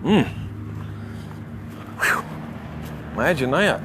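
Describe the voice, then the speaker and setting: Extremely slow, with big pitch swings in a fairly high male voice, an Alabama-born amateur vlogger offers coarse, boastful, rambling walk-along commentary in his home state's Southern accent. He's outside on small-town streets, and the noisy track picks up traffic and passing vehicles.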